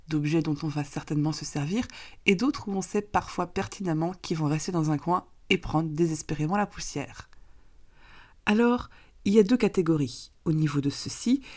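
Female advice vlogger, lowish and raspy, hoarse from recent illness, didactic step-by-step delivery. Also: a little mellow. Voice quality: raspy, gravelly voice. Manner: didactic, step-by-step explaining with examples. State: getting over an illness, hoarse with occasional coughing. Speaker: minimalism coach and author, presenter. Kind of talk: advice vlog, explanatory talk.

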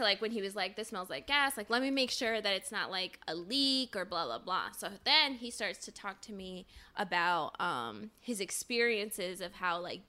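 A woman co-hosting a podcast and recounting an anecdote in a relaxed, conversational way. She leans on "like" and "you know" and slips in short laughs. Her voice is bright and forward at a middle pitch. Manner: chatty, many "like" fillers, laughs between phrases. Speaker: podcast co-host. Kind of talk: casual conversational storytelling.

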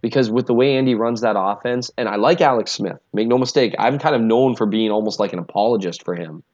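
A man's voice: on the low side, quick pace, darkish tone, lo-fi sound. Talkative Minnesotan man, podcast guest. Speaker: guest analyst. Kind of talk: casual podcast chat.

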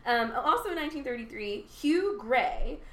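A woman's voice: on the high side, animated, normal speed, fairly bright tone. A young adult woman co-hosting a podcast, chatting casually and rambling with many fillers and laughing asides. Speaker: podcast co-host. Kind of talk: casual chat. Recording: echoey room, faint noise.

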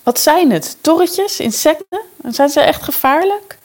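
A woman's voice: high-pitched, expressive, measured pace, darkish tone. A woman reading a novel aloud and voicing a panicked person covered in biting bugs, frantic and pleading. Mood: alarmed.

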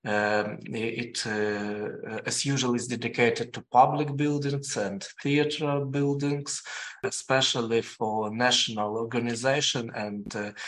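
A man in his forties with a Ukrainian accent, an architect speaking as a guest in a halting way with many pauses and fillers over a video call. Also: mid-range voice, fairly bright tone. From Western Ukraine. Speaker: architect and associate professor, guest.

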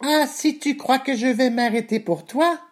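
A man voicing a tiny, cheeky, boastful gingerbread boy in a squeaky, taunting sing-song for a storybook reading. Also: normal speed.

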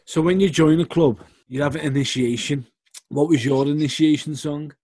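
A man's voice: a little high, fairly even intonation, normal speed, warm tone. A man asking casual questions as an interviewer.

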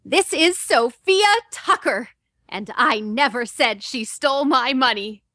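A woman voicing a proud young woman reporter in a smiling, bright character read. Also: sits high, animated, a little slow, no echo, clean studio sound, voice pushed up, exaggerated voice.

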